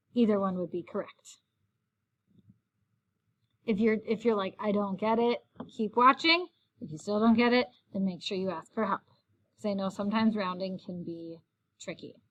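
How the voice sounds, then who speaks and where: Lady teacher talking through a math lesson, friendly and patient, medium voice. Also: mid-range voice. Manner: friendly, explains step by step.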